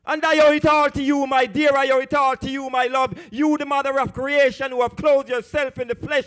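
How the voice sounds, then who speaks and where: A man's voice: extremely high pitch, flat delivery, a little fast, a bit bright. A man from Jamaica with a Jamaican accent, performing dub poetry live with rhythmic, half-sung, fiery chanting. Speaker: dub poet.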